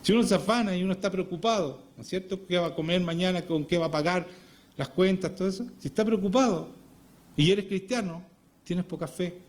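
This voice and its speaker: A man's voice: high voice, brisk. A man preaching a Sunday sermon in church, often putting rhetorical questions to his congregation. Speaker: pastor. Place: church service.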